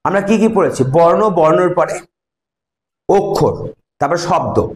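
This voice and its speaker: A Bengali man teaches English grammar to a class, his voice on the high side, expressive and echoing. He draws out key words in a sing-song way and quizzes his pupils as he explains the rules.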